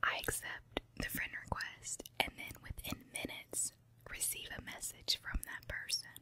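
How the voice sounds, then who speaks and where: Female ASMR creator, fully whispered ear-to-ear delivery, intimate close recording, unhurried confiding ramble. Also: sharp tone. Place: room at home with carpet and window. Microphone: handheld recorder with foam windscreen on tripod, very close.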